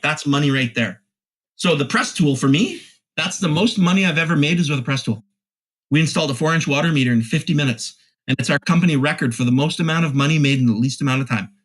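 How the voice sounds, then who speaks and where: Animated storytelling tradesman, fairly high voice. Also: breathy edge. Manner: animated storyteller, acts out both sides of conversations. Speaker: plumbing contractor guest. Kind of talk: casual podcast chat.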